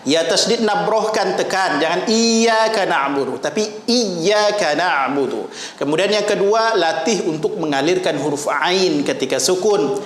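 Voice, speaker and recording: A man with an Indonesian accent teaching Quran recitation, slowly and patiently repeating each sound for his students. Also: high voice. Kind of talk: tajwid lesson, demonstrating recitation. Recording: roomy echo with faint noise.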